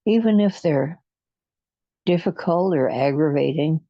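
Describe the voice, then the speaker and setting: On a dull, dry lo-fi recording, a medium-pitched guide takes listeners through a guided imagery relaxation session. The delivery is soothing and hypnotic, built on long pauses and slow counting.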